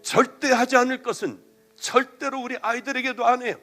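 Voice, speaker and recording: A middle-aged male pastor giving an emotional sermon testimony, moving between loud passages and hushed ones. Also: very high voice, fairly even intonation, brisk, soft background music.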